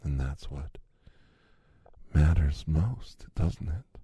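A man whispering softly and soothingly very close to the mic in an ASMR massage roleplay. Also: rumbling low, breathy edge, dry recording. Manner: soft whispering, slow and soothing. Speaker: ASMR performer.

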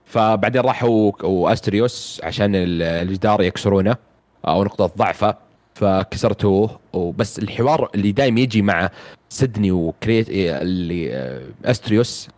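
A man talks fast in a lowish voice as he retells a game's story. He rambles, full of fillers and half-finished words, in a relaxed chat between friends. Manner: rambling, many fillers and restarts. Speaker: video game reviewer. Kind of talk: casual chat recapping a game story.

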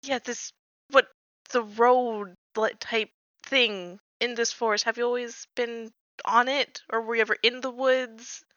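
A slightly lo-fi, very dry recording of a woman playing a tabletop game. Her voice is bright and forceful, and she moves casually between teasing banter and character lines. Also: fairly high pitch, fairly even intonation, measured pace, dry recording.

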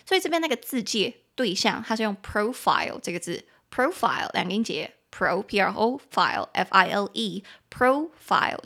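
A young woman with a Taiwanese Mandarin accent hosts a casual bilingual English lesson podcast. She chats, then slows down to spell out and repeat words. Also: medium pitch, gravelly, a bit bright. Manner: chatty, spells out words slowly and repeats them. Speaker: podcast host teaching English.

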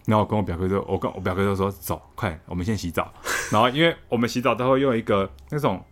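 A man, co-hosting a casual chat show and telling childhood stories in an animated way, laughing often. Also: lowish voice, rapid-fire. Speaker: podcast co-host.

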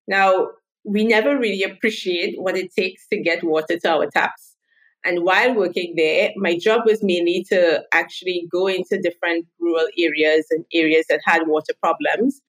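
A woman's voice: fairly low pitch, rough recording. A woman in her thirties from Trinidad and Tobago, chatting as a podcast guest and telling stories from her work. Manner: chatty storytelling. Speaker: guest, marketing consultant. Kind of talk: podcast interview.

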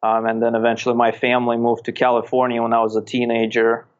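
Measured man from Russia, flat delivery. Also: medium pitch, clean tone, highs cut off. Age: 30s. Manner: measured, hesitant, many fillers. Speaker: podcast guest. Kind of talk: casual interview chat.

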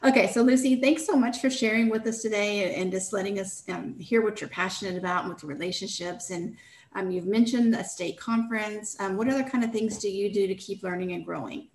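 Encouraging woman interview host, gravelly tone, roomy sound. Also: mid-range voice, fairly quick. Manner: encouraging, brief affirmations. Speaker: podcast host. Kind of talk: casual interview talk. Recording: echoey room.

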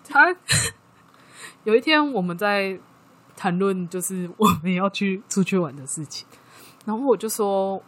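Taiwanese Mandarin woman, podcast co-host, husky mid-pitched voice, lively storyteller. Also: unhurried. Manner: lively storytelling, acting out quoted dialogue. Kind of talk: casual chat.

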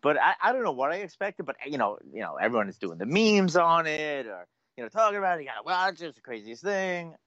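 A man co-hosting a podcast, chatting casually in an animated, filler-heavy, self-deprecating way. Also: fairly high pitch, fast, few pauses, no room sound. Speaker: podcast co-host. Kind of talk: casual chat. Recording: dull dry lo-fi audio.

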